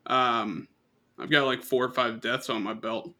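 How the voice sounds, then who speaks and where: Bright, profane young man telling stories. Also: mid-range voice, fairly even intonation, unhurried. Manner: profane, rambling, laughs at own stories. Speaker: podcast co-host. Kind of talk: casual storytelling chat.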